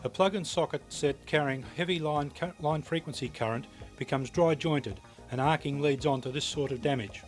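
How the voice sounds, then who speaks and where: With hardly any pauses and at normal speed, a man on the high side of pitch reads scripted instructional narration for a technical training film. He is precise and matter-of-fact. Music runs underneath, and the audio is a VHS tape transfer.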